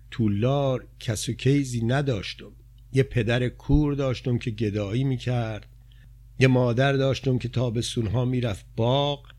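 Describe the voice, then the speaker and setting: A man's voice: mid-range voice, a little mellow, natural voice. Fields: Figure: a man reading a blunt poor young woman. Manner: confiding. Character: poor blunt young woman, defensive about her past.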